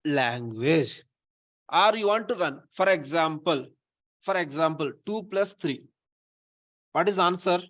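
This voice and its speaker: Higher-voiced Telugu-accented man teaching a class. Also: lo-fi sound. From Telugu-speaking region of India. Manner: repeats phrases, poses questions then answers them himself. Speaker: data science instructor. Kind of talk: informal live class with questions to students.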